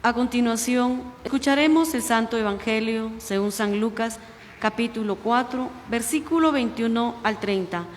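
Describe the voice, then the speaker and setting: A woman making formal announcements as commentator at Mass in a large church. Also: on the high side. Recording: reverberant church, faint background noise.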